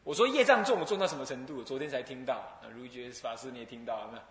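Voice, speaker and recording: A man's voice: mid-range voice, quick pace, reverberant, a crowd in the background. A man, an abbot giving a Buddhist sermon, acting out dialogue and laughing as he tells stories. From Taiwan. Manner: animated storytelling, acts out dialogue, laughs often.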